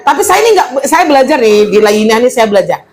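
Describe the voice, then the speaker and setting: A woman with a big, powerful voice, from West Sumatra, giving a lively religious study talk to women, loud and playful and acting out quoted speech. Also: on the high side, quick pace, rough recording. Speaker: female Islamic teacher.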